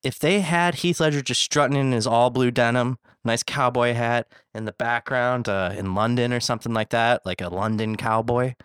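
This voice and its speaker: A man's voice: mid-range voice, normal speed, few pauses, a bit bright, clear, resonant tone, no echo. Rambling man on a podcast, dry sound. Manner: rambling, laughing easily, many fillers. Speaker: podcast co-host. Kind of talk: casual chat.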